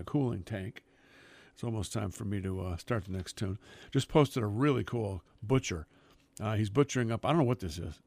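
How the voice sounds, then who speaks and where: A man's voice: fairly low pitch, gravelly, a little mellow, no echo. A man hosting a radio music show in casual, rambling chat, freewheeling and emphatic in his enthusiasm.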